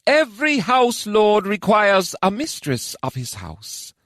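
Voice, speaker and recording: A male narrator voicing a pompous elf house lord with a high-pitched nasal voice, making grand ceremonial proclamations. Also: huge pitch swings, takes it slowly, a bit bright, no echo, clean studio sound, exaggerated voice. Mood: proclaiming. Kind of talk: audiobook character voice.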